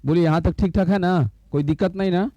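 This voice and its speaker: This dull, lo-fi, dry clip features a man teaching school maths with a slow blackboard-style explanation, though he speaks fast in a high-pitched, warm voice. He says each term more than once and repeatedly asks his students whether they follow.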